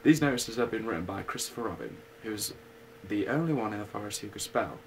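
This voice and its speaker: Gravelly man reading a bedtime story. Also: fairly low pitch, animated, slight background noise, rough recording. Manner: unhurried, with casual asides. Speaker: reader.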